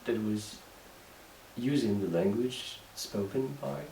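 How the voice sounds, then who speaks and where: With fillers and frequent restarts, a Moroccan writer whose first language is Moroccan Arabic works through an English interview monologue in his Moroccan accent. His voice sits fairly low, mellow, with some vocal fry. The mic is distant in an echoey room, with faint background noise.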